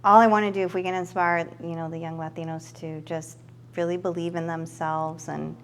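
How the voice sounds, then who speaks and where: Encouraging woman host, lower voice. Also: level tone, brisk. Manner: affirming, encouraging, laughs often. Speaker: podcast host. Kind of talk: casual interview chat.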